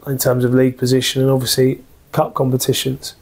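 In a small office, a football manager in his thirties gives a post-match interview, speaking earnestly with lots of restarts and fillers. His medium-pitched voice is monotone and a little fast.

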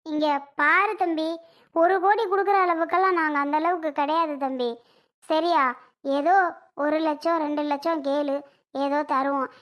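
Performer playing older cartoon mother, pleading, repetitive, very high pitch, bright tone. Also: steady tone, moderate pace. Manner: begging, repeats herself. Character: older village mother pleading for her daughter. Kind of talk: Tamil cartoon drama dialogue.

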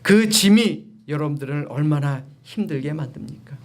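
A man's voice: a little high, expressive, moderate pace. A man, a pastor, preaching a sermon, exhorting the congregation directly and swelling his voice on key phrases.

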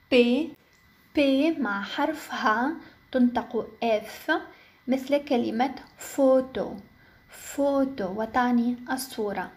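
Female teacher, high voice, very unhurried delivery, repeats each word carefully. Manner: spells out letters and repeats example words. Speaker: language teacher. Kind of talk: slow explanatory lesson.

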